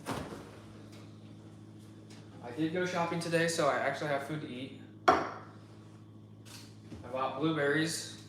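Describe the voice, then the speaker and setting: A young man hosting a casual question-and-answer chat from his home kitchen, relaxed and rambling with lots of fillers and hedges. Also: fairly high pitch, a little slow, long pauses, noisy background. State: voice partly worn from shouting days before. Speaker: channel host answering viewer questions.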